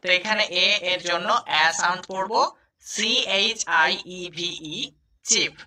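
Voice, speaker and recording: A man teaching English reading to students, spelling out letters and repeating each word slowly. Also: sits high, fairly even intonation, pushed and bright, a little hiss or hum. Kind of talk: spoken lesson, spelling out words.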